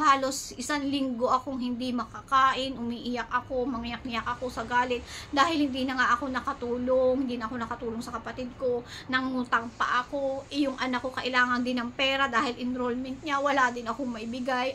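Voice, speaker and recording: Bright-voiced Filipina vlogger telling a story. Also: female voice, high voice, a little hiss or hum. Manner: animated retelling, acts out both sides of chats. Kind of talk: casual storytelling to viewers.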